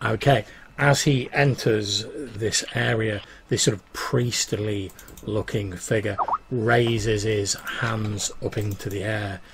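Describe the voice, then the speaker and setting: A man acting as game master, narrating a tabletop game in a halting, improvised way. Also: on the low side, steady tone, slight background noise.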